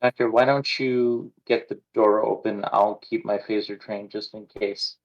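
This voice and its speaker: A man playing a tabletop role-playing game, measured, giving orders in character. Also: on the low side, steady tone. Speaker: player. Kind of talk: casual tabletop game play. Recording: dull lo-fi sound.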